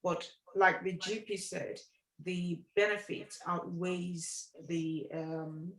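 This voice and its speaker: A woman's voice: fairly low pitch, fairly even intonation, slow, fairly bright tone, echoey room, low-quality recording. A woman speaking in an online meeting, hesitant with many fillers and pleading repeatedly.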